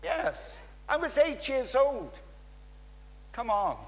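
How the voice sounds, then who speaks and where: A man in his seventies preaches with fervent, emphatic conviction, his voice set unusually high and swinging widely in pitch. He speaks into a handheld mic, and his words ring out with the long reverb of a big church hall. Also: very animated, slow. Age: 70s. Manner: fervent, emphatic, exclaiming hallelujah. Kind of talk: sermon in English, interpreted line by line. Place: large church hall with audience.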